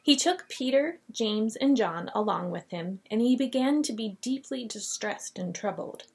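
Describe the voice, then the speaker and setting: This is a kids' Bible lesson on video, filmed with a webcam at a desk inside a small painted classroom office. The teacher, a woman in her forties, has a fairly high, expressive, breathy-edged voice and moves at a measured pace as she narrates vividly and reads scripture.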